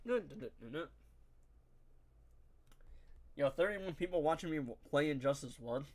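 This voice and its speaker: A young adult man with a stuffy, congested, nasal voice streams a game and chats casually with his viewers, addressing his chat directly in slang. His voice is a little high and expressive, and he talks at a quick pace.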